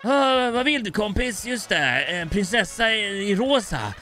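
Brief: snappy, teasing young female game creature, read by a man, lively and bright. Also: high voice, faint music behind, pitched above the performer's own voice.

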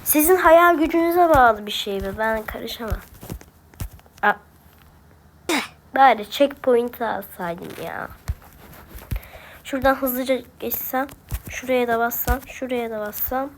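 With a slightly high voice, she speaks slowly and leaves long pauses, while a faint hiss or hum runs underneath. A Turkish-accented gameplay streamer, she complains to herself during a video game in a casual commentary.

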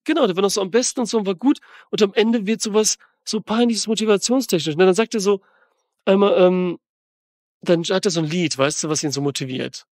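A man hosting a film podcast, rambling excitedly and slangily as he retells and tears apart a movie in casual chat. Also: high-pitched, brisk, no echo, clean studio sound.

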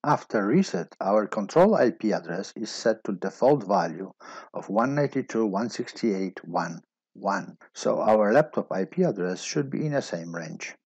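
A man with a low, gravelly and slightly husky voice walks through a technical setup step by step. The recording is dry and a little dull, like a plain voice-over. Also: moderate pace, no echo. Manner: steady step-by-step explaining. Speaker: instructor.

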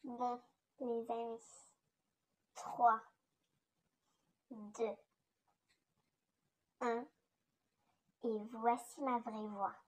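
A woman's voice: on the high side, level tone, extremely slow, long pauses, rough recording. A woman talking through a voice changer filter, giving a chatty video intro as a gaming YouTuber. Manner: chatty, bubbly greeting to viewers.

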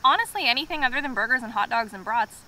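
A young woman talks to a handheld camera at a wooded campsite, chatty and upbeat, dropping plenty of fillers. Her voice sits a little high. The outdoor audio carries a clear layer of woodland noise. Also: expressive, fast talker, pushed and bright, poor audio. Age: young adult. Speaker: moto-camping vlogger. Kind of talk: casual vlog narration to camera. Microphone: handheld camera at arm's length. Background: outdoor woodland ambience.

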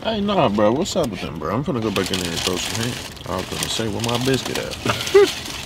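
A young man joking excitedly in slangy casual chat with friends in a car. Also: on the low side, quick pace, gravelly, far from the mic. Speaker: friend on a road trip. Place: inside a car. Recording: car interior with loud road noise.

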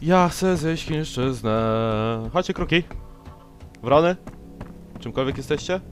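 Sarcastic young man with lively pitch swings. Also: slow, faint music behind. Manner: sarcastic, talks back to enemies on screen. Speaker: gameplay commentator. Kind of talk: let's play commentary.

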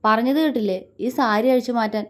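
A woman's voice: a little high, fairly quick, natural voice. A woman voicing a teasing young husband. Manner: teasing, mock-stern, demanding.

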